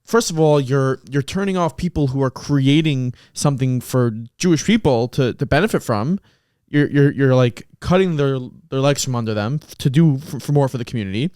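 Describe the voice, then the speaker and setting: A man hosting a podcast in casual debate chat, animated and pushing his points with pressing questions. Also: medium pitch, moderate pace, clean tone, no room sound, clean studio sound. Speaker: podcast host.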